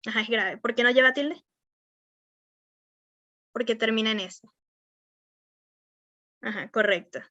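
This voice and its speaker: Teaching an online class on verbal skills, a young Venezuelan woman speaks in a bright, forceful, rather high voice at a measured pace with long pauses. She rambles, leaning on fillers like "o sea" and "este," and often checks in with students. The dull audio carries no room sound.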